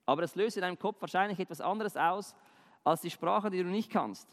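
A man talks fairly quickly in a high voice, recorded in what sounds like a large hall. It's a conversational explainer on language and communication, aimed straight at the viewer and full of questions.

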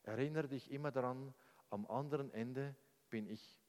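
A wise, gentle old grandmother speaks quietly and calmly, as a preacher quotes her in his own voice. Her words are soft and reassuring. The sound carries a long reverb, as in a large hall or church. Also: medium pitch, normal speed, natural voice.

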